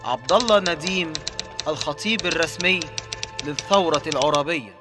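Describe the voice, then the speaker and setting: A man's voice: a little high, brisk, close to an everyday voice. A man voicing a revolutionary orator, reading a proclamation in a solemn, declamatory way. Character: fiery revolutionary orator reading his appeal. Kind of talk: read proclamation. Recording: loud music score underneath.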